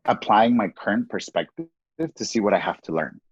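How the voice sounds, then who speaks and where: A man's voice: on the low side, brisk, breathy edge, no room sound. A man around thirty talking casually and campily on a podcast, with lots of "like" between his thoughts. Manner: campy, chatty, heavy use of "like". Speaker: podcast co-speaker. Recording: dull lo-fi dry recording.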